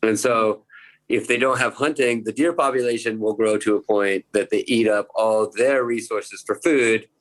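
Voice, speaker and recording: A man's voice: on the low side, fairly even intonation, moderate pace, low-quality recording. A man in his thirties from the United States, chatting casually on a podcast, rambling with lots of fillers and swearing. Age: 30s. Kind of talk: casual chat.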